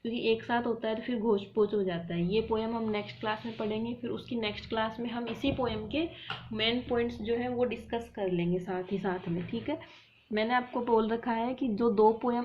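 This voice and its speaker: A woman teaching an English literature class, calling out rhyme words loudly and slowly, then chiding her students for not sending notes or feedback. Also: a little high, lo-fi sound, slight background noise. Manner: drills words with stretched, emphatic calls; scolding students for not replying. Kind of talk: online class lecture.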